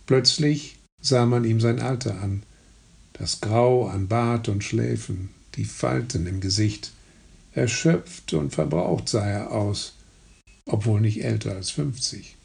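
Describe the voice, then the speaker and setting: A man with a raspy, gravelly voice reading a historical novel aloud in slow, even narration. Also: lowish voice. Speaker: audiobook narrator. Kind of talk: scripted narration.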